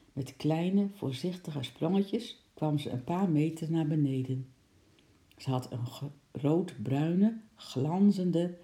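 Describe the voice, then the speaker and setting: A woman narrating a children's story in a gentle, expressive way. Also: low voice.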